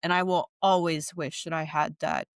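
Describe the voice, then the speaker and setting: A woman's voice: deep voice, little pitch movement, normal speed, no room sound, studio quality. A woman speaking as a podcast guest in an emotional personal conversation, heartfelt and rambling, near tears at times.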